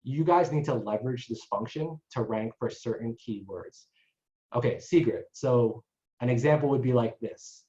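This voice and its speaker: A man's voice: medium pitch, moderate pace, warm tone. A man giving a casual marketing webinar to salon owners, chatty and constantly checking in with the listeners. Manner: chatty, tags sentences with "right?". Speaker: marketing consultant presenter. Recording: echoey dull lo-fi online call.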